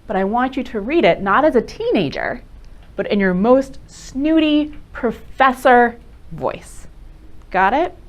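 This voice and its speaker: Lady running a workshop, direct, keeps tossing quick questions at the room. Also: on the high side, animated. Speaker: workshop presenter. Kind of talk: live workshop presentation. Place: meeting room with a live audience.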